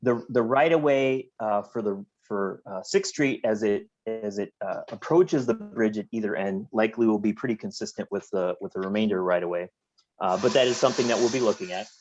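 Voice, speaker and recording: Low-voiced man, hesitant webinar Q&A on a dull video call. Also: brisk, darkish tone. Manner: hesitant, many fillers and restarts. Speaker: project engineer answering public questions. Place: home office with work being done. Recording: muffled lo-fi video call audio.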